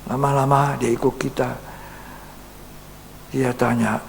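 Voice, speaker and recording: Gravelly pastor with a lilt. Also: male voice, medium pitch, little pitch movement, measured pace. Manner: earnest, acts out dialogue, drops to soft whispers. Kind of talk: sermon storytelling. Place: church. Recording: long church reverb, faint hum.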